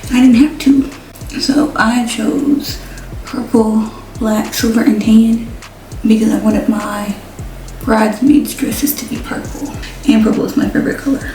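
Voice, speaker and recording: A woman's voice: a little high, fairly even intonation, measured pace, warm tone, soft background music. A young woman chatting casually to her viewers, full of slang, talking straight to the camera. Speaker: vlogger. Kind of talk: casual chat. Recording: echoey room, mic at a distance.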